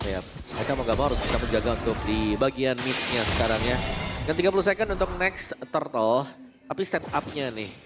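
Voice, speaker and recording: A man's voice: mid-range voice, brisk, loud music behind the voice. An Indonesian man giving analytical live commentary on an esports match as one of the casters.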